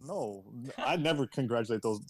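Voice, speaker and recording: A man's voice: mid-range voice, expressive, normal speed. A man in a casual sports debate, stubborn and opinionated, repeating himself to make his point.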